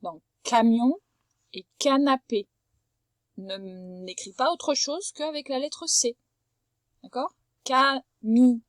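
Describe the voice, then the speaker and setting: A woman teaching a young child to read, patient and clear, slowly drawing out words so each sound can be heard. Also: a little high, a little mellow, dry recording. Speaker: primary school teacher. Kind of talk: remote reading lesson for a young child. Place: at home.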